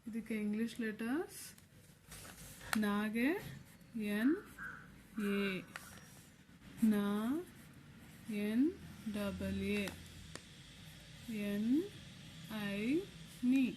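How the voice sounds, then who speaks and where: A woman with a Kannada accent teaches the alphabet very slowly and patiently, spelling each letter one at a time. Her voice sits at an ordinary middle pitch. A faint hiss stays under her voice. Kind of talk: slow alphabet lesson.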